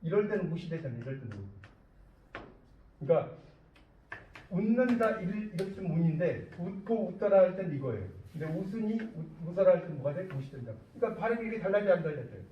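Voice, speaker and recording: A university lecturer with a high, animated voice speaks fast to a class in a lecture room, often pausing to ask students if they follow and checking their understanding. The recording is distant, echoey and dull, with a little hiss or hum.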